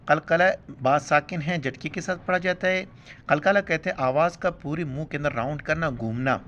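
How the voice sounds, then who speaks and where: Quran teacher with a clear, smooth voice. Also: male voice, fairly high pitch. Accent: Pakistani Urdu. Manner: explains quickly in Urdu, then chants verses slowly and loudly. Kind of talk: Quran recitation lesson. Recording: dull lo-fi sound.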